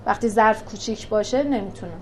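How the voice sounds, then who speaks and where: A woman teaching a religious class on scripture verses. She talks in a lively way, asks rhetorical questions and answers them herself, and recites verses slowly. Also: medium pitch, slight background noise. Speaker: teacher of a Quran class for women. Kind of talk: religious lesson explaining scripture.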